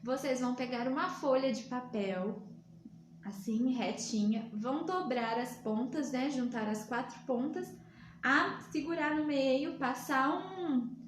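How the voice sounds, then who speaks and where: Woman teacher from Brazil, high voice, slow and patient with little kids. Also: echoey room, a little hiss or hum. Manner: slow, patient, drawn-out words for small children. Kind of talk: remote lesson for young children.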